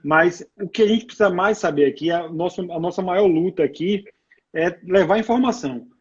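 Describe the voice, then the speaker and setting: A man hosts a live chat in a slightly high, husky voice, reading viewer comments aloud and restarting his sentences now and then. The sound is dull and lo-fi, like video call audio. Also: moderate pace. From Brazil. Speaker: live show host. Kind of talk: casual live interview.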